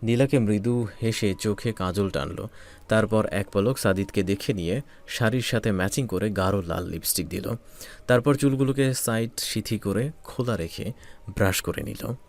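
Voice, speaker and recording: A man narrating a romantic story in a calm, soft, measured way. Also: lowish voice.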